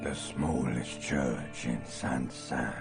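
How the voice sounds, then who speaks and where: A man playing a weary middle-aged man who sings a slow, mournful karaoke ballad in a video game, with a gravelly, lizard-like croak. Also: extremely low pitch, steady tone, exaggerated voice. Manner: slow, drawn-out melancholy singing. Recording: loud music under the voice. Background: music.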